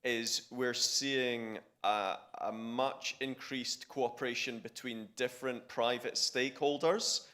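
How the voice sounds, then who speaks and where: A man's voice: medium pitch, fairly even intonation, slow, few pauses, pushed and bright. A man on a conference panel explaining a parking app, with restarts and fillers.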